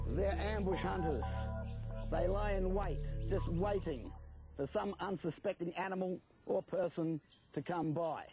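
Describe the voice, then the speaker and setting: Wildlife presenter: Australian man, higher-pitched, informal and showy, over a music bed. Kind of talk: informal presenting to camera while handling snakes.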